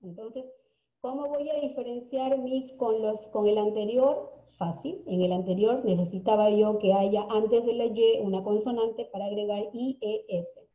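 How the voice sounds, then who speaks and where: A woman leads a lesson at an unhurried pace, spelling out words and pausing to ask her class "ok?". Her voice sits in the middle of the range and carries a roomy echo. The recording sounds dull and lo-fi. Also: a little high. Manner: repeats words slowly, checks in with frequent "ok?". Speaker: English teacher.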